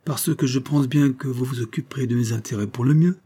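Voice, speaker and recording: A man reading aloud, voicing a girl of nearly twelve who speaks calmly, seriously and with odd formality, in a dark, husky voice. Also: medium pitch, fairly quick, voice pushed up, lightly acted. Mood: grave. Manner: calm, serious, oddly formal for a child.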